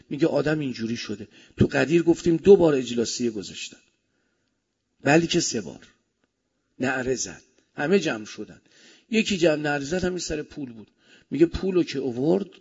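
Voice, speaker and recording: A male preacher delivers a sermon in a gravelly, husky, medium-pitched voice, swinging between loud emphasis and soft asides. The recording sounds dull and lo-fi.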